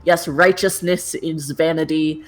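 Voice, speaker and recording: A woman's voice: low voice, steady tone, a little slow. A woman voicing a florid, grandiose male vagabond poet cat in an amateur cartoon dub, with a declaiming manner. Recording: guitar music behind.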